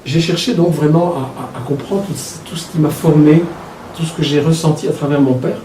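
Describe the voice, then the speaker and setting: A man's voice: on the high side, fairly even intonation, warm tone, slight background noise. Older Belgian-raised man, echoey and distant. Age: 60s. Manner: reflective, halting, with restarts. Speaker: author talking about his book. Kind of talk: personal storytelling talk.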